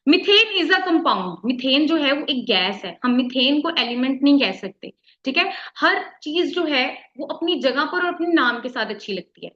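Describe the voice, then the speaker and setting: Teaching chemistry in a classroom, this woman's high, bright, forceful voice carries a Pakistani Urdu accent. She explains with patience, blends in English terms, and frequently asks "theek hai?" to make sure students are following, while the recording sounds echoey and slightly dull.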